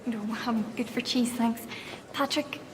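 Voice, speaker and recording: A woman plays an earnest young artist who turns every remark into a heartfelt confession. Her voice sits a little high. A long reverb and faint ambient noise surround her. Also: fairly even intonation, measured pace, natural voice. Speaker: artist exhibiting paintings. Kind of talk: sitcom acting. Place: art gallery.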